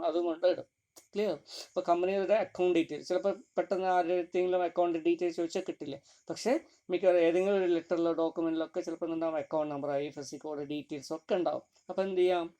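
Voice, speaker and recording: A college lecturer explains in a classroom style. The voice is mellow and relaxed, with English terms woven into the explanation. Points are punctuated by frequent checks of "clear?". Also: medium pitch. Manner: keeps asking "clear?" between points.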